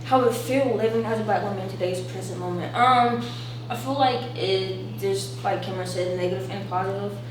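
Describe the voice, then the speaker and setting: A woman's voice: mid-range voice, brisk, hardly any pauses. Early-twenties US Southern woman, loose filler-filled talk, roomy distant noisy sound. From North Carolina, USA. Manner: casual, filler-heavy, uses "like" often. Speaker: discussion participant. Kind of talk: casual group discussion. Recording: echoey room, far from mic, noisy.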